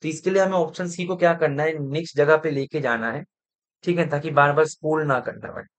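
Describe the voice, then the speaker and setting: A man's voice: a little high, a little fast. Coaxing male math teacher, live lecture. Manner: coaxing, keeps checking in with students.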